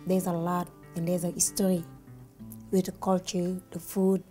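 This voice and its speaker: A woman's voice: fairly low pitch, little pitch movement, normal speed, warm tone, faint music behind. A woman from Senegal with a Senegalese accent, answering interview questions in plain, simple English as a non-native speaker. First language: Wolof or other Senegalese language. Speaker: guest. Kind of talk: casual interview.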